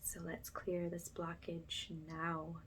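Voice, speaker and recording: A woman gives slow, soothing and halting guidance in an ASMR energy-healing style, speaking softly and breathily and often dropping to a whisper. Her voice is on the low side and monotone, with a little hiss or hum in the recording.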